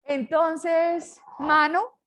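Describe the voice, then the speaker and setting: An older woman from Colombia with a Colombian accent, teaching a class with a lively, joking manner. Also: very high-pitched, extremely slow, rough recording. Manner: lively, jokes with students. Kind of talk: online class lecture.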